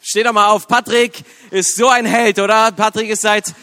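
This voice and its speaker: A man's voice: high-pitched, normal speed, big-room sound. A man in his thirties, a youth pastor, giving a casual, joking sermon in church. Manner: chatty, joking, lively, laughs often. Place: church hall.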